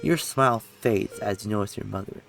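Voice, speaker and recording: A young man reads a story game aloud with a gravelly, creaky voice. He keeps breaking off into rambling asides and corrects himself mid-sentence. Faint music plays behind him. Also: on the low side, normal speed, fairly bright tone. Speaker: game streamer. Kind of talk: reading game text aloud with casual commentary.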